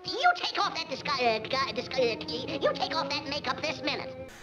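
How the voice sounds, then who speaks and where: A flustered cartoon pig who trips over his words in a constant stammer. His voice rises and falls widely, and loud cartoon music plays under him. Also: very high-pitched, big pitch swings, normal speed. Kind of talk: classic cartoon voice acting.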